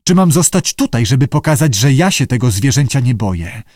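A man's voice: medium pitch, very animated, brisk, darkish tone, husky, no echo, clean studio sound. A man voicing an awkward young man trying to seem brave, earnest and slightly unsure. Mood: anxious.

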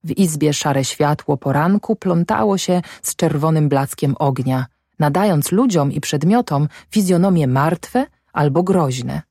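A woman reads a classic novel aloud for an audiobook, in a steady, measured storytelling voice. Her voice sits low, and the recording is close and dry, with no room echo. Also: breathy edge. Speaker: audiobook narrator.

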